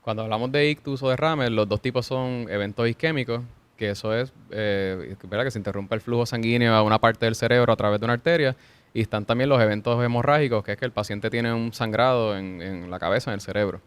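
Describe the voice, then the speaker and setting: Fast-talking doctor, man. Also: medium pitch, clean tone, dry recording. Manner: measured, explanatory, frequent small restarts. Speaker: cardiologist guest. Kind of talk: explanatory interview answers.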